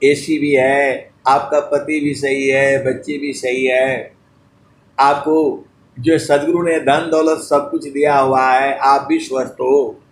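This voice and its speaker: A man giving a devotional sermon, drawing out sung verses slowly and turning fondly to his listeners between them. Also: medium pitch, level tone, roomy sound, slight background noise. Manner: slow drawn-out chanting of verses between spoken teaching. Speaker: spiritual preacher.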